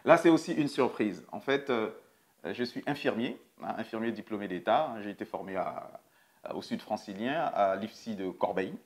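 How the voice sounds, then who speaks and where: A man's voice: on the low side, expressive, normal speed. Hesitant middle-aged man, casual chat. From Republic of the Congo. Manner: hesitant, many fillers and repeats. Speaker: nurse and co-host.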